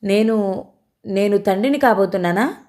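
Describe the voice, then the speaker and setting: A woman's voice: mid-range voice, moderate pace, a little mellow, lightly acted. A woman narrator voicing a grieving, volatile young husband in a storybook reading, speaking urgently and commandingly. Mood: harsh.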